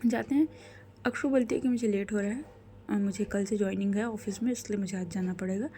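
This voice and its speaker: A woman's voice: mid-range voice, steady tone, fast, mellow. A woman telling a love story in a chatty, casual way, correcting herself as she goes and mixing in English words.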